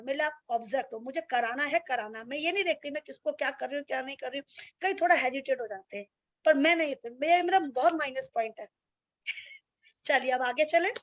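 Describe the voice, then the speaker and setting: Over a video call, a woman yoga teacher with a high-pitched voice talks bluntly and plainly with her students during an online class, calling herself strict. The audio is dull and lo-fi, with no echo.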